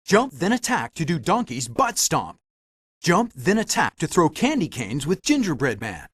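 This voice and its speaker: A man's voice: a little high, huge pitch swings, moderate pace, fairly bright tone, husky, no room sound, studio quality, exaggerated voice. A man voicing a helpful magic mirror, a theatrical fairy-tale guide giving scripted, instructive video game hints.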